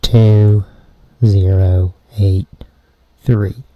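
A man on a prank phone call whose voice comes through muffled, as if from behind a wall, speaking slowly and haltingly and repeating himself. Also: lowish voice, steady tone, no echo. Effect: muffled, as if heard through a wall. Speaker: caller.

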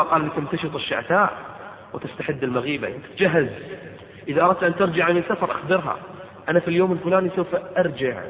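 Male preacher, impassioned and pleading, brisk delivery; echoey hall, tinny phone-like recording. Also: fairly high pitch. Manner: impassioned, pleading appeals to the listener. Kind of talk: sermon.

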